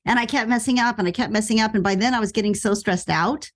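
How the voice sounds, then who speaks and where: Animated middle-aged woman telling a story. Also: quick pace. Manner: animated, acts out quoted lines with big jumps in pitch. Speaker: actress and podcast guest. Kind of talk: casual storytelling interview.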